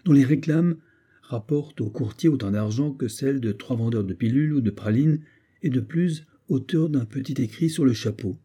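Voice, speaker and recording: Dark, husky male audiobook narrator. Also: mid-range voice. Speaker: audiobook reader. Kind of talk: scripted narration.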